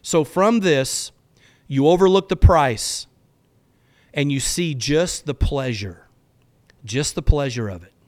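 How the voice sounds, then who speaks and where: A man's voice: a little high, lively intonation, slow pace, pauses often. A man hosting a faith podcast, giving an earnest, exhorting sermon-like teaching in casual language, often stumbling over repeated words.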